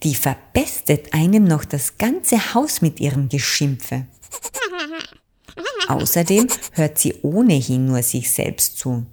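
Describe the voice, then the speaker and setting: A woman voicing a warm-hearted, fussy blackbird housewife who talks in a sing-song, repeating herself. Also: low-pitched, very animated, slow, slightly rough, full character voice. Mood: firm.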